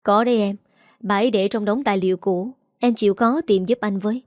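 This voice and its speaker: A woman voicing a scheming young man who talks quickly and coaxingly over the phone. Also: mid-range voice, fairly even intonation, no room sound, studio quality, natural voice. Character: scheming young man, smooth-talking manipulator.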